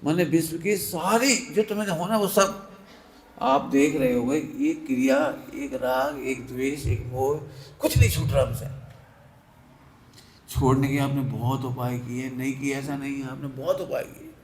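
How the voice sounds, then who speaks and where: A man giving a sermon as a Jain preacher, speaking slowly and emphatically and repeating key phrases to drive them home. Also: mid-range voice, slight background noise. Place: large hall. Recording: echoey hall, faint ambience.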